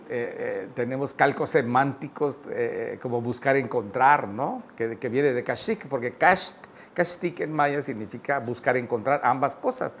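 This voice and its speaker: A man with a Yucatecan Spanish accent giving a lecture at a measured pace, often adding "eh" fillers and "¿no?" tags. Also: medium pitch, a little hiss or hum. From Yucatán, Mexico. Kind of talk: online lecture.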